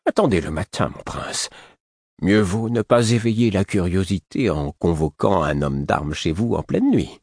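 A man voicing a sly, calm old royal counselor who speaks in a measured way. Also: sits low, husky, no echo, clean studio sound, exaggerated voice.

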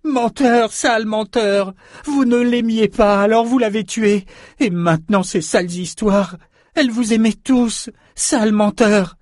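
Raging young sorceress, voiced by a man, shrill and high, dry close read. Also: measured pace, darkish tone, dry recording. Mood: furious. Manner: screaming accusations, seething. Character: furious young female magician, grief-stricken. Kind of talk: audiobook character voice.

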